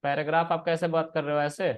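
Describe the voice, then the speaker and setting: High-voiced man teaching coding. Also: flat delivery, quick pace, clean tone. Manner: explains step by step, keeps checking understanding. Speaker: programming teacher. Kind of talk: casual classroom explanation. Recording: dull lo-fi recording.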